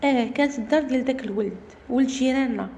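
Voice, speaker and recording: A woman with a Moroccan Arabic accent tells a first-person horror story at a rapid clip. Her voice sits high, yet its tone is soft and mellow rather than bright. She keeps the telling brisk and suspenseful. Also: vocal fry, a little hiss or hum.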